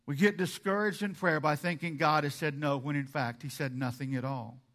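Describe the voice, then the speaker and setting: Male pastor, high bright tone, lively sermon delivery with big loud-soft swings. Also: moderate pace. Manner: animated, swings between loud emphasis and soft asides; acts out the congregation's objections.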